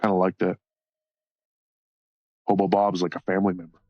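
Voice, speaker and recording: A man's voice: low-pitched, little pitch movement, a little fast, dry recording. A man streaming while he colors, chatting casually, rambling and swearing, often laughing and reading chat aloud. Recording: slightly dull sound, faint music behind.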